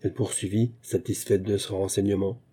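A man narrating a novel as an audiobook in a measured, literary manner. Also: lowish voice, little pitch movement, dark tone, husky.

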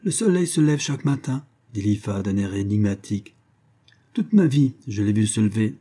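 A man reading the part of a composed, teasing woman of forty who speaks in calm, sententious phrases. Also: lowish voice, moderate pace, husky. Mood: calm assurance.

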